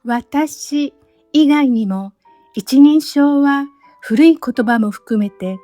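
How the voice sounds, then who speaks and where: A woman teacher giving a scripted lesson, speaking slowly and carefully with clearly spaced phrases, recorded as a voice-over. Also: high-pitched, dark tone, dry recording, soft background music. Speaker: Japanese teacher.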